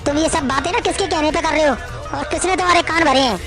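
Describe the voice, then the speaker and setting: A woman's voice: high-pitched, fast, over music. Woman doing a drunk, bullying young husband. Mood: defensive. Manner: harsh and scolding.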